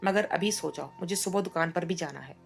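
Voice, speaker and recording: Stern, curt young husband in a storybook, voiced by a woman. Gravelly and low. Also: fairly quick, soft background music. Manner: scolding, curt.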